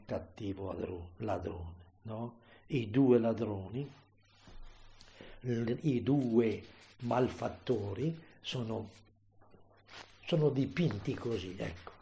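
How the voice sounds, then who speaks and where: A man preaching a slow, reflective sermon, often adding tag questions and rising to impassioned emphasis. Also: lowish voice, vocal fry, dark tone. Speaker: priest.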